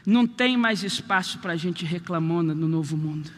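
A man preaching a sermon in a church as pastor, telling humorous stories in an animated way. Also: fairly high pitch, normal speed, long reverb tail. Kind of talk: sermon with storytelling.

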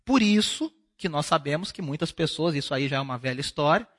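Man, pastor, high voice, conversational sermon, questions the congregation, church service. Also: expressive, a little fast, fairly bright tone.

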